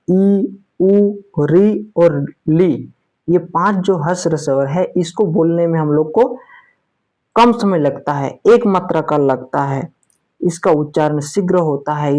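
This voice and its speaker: Mellow-voiced Sanskrit teacher. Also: mid-range voice. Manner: asks questions and answers them, often adds "theek hai"; draws out example sounds slowly. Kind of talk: spoken grammar lesson.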